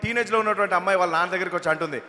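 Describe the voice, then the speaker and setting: A male comedian and mimicry artist doing animated stand-up storytelling on a stage mic in a reverberant event hall. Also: sits high, rapid-fire.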